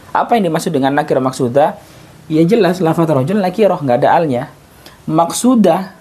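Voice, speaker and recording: A man's voice: fairly high pitch, a little mellow, breathy edge. A male teacher giving a casual, repetitive grammar lesson, often breaking off mid-word and restarting. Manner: casual classroom talk with tags like "ayo" and "gitu". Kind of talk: informal recorded grammar lesson.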